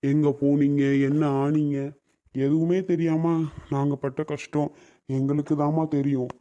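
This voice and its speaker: A man's voice: fairly high pitch, dark tone, highs cut off, close to an everyday voice. Man playing a hurt, reproachful old grandfather. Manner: reproachful, pleading, emotional. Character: hurt elderly grandfather and father-in-law, reproachful.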